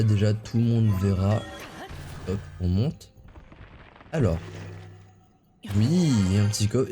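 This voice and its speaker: Guy doing let's play commentary, lowish mellow voice, chatty, reads the dialogue out loud, some music behind. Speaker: gamer.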